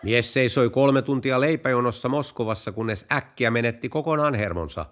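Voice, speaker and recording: A man hosting a joke podcast, telling jokes in a dry, deadpan way. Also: medium pitch, a little hiss or hum. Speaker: podcast host.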